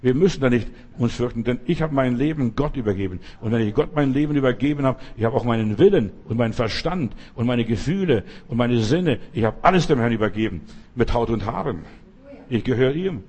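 A man's voice: mid-range voice, animated, brisk, darkish tone, slightly rough. Older male preacher, emphatic, repetitive, direct address to the listener. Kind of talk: sermon.

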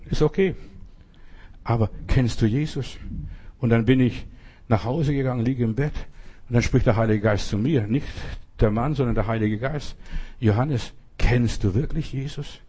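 A man's voice: medium pitch, moderate pace, pauses often, dark tone, husky. A man preaching in an informal sermon style, earnestly talking straight to the listener. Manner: earnest, addresses listener directly. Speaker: evangelist preacher.

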